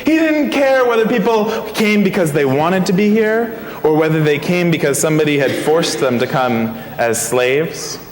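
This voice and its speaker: A man telling a playful, expressive story to a church congregation. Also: a little high, moderate pace, few pauses. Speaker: intern minister. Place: large church sanctuary. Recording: echoey hall with long reverb.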